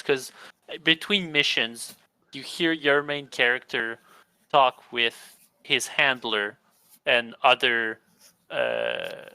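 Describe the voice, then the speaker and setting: Rambling and restarting mid-sentence, a young podcast host chats casually about games. His mid-range voice is creaky, pushed and bright, yet clear and resonant, recorded with no room sound.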